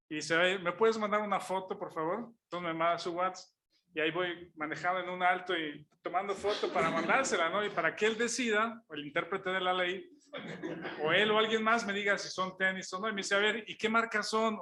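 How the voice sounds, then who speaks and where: A man's voice: sits high, pushed and bright. A man preaching, telling a personal story as a sermon illustration and acting out the people in it. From Mexico. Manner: storytelling, acts out dialogue, chuckles while telling it. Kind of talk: sermon illustration told as an anecdote.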